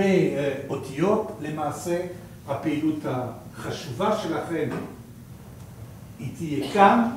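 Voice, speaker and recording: A man with a fairly high-pitched voice and a French accent presents slides to researchers. He speaks informally and haltingly, often feeling around for the next word. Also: a little mellow, slight background noise, poor audio. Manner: halting, searching for words. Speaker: programme director presenting to researchers.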